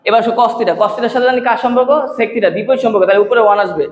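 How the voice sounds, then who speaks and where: A man's voice: extremely high pitch, very fast. A male math teacher gives a classroom lecture, repeating key terms, quizzing his students and using rhymes as memory aids. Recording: echoey, reverberant room.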